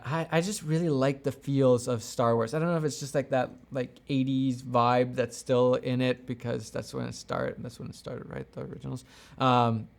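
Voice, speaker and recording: On his livestream, a medium-pitched camera gear YouTuber with lots of vocal fry chats casually. His talk is unscripted and conversational as he answers viewer questions, rambling, thinking aloud and frequently circling back on his own ideas.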